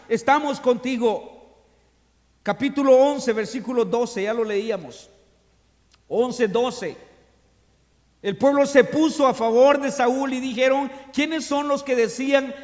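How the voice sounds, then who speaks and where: A man, a pastor, preaching a sermon to his congregation during an evening service, reading scripture aloud and speaking to them directly. He swings between loud proclamations and quiet, confiding asides. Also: very high-pitched, measured pace. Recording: long reverb of a church hall.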